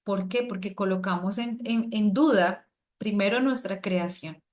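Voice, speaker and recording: A middle-aged woman delivers a sermon to a women's group. Her voice sits at an ordinary pitch, and she talks in a lively way, pressing hard on her main points. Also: measured pace. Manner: lively, rising to animated emphasis when acting out quotes. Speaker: preacher.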